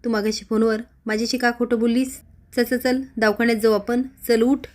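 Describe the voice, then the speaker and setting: A woman's voice: fairly high pitch, level tone, a little fast, darkish tone, voice pushed up, natural voice. A commanding middle-aged officer barks orders at the family, as a woman storyteller reads his lines. He is blunt and bossy in this storybook recap.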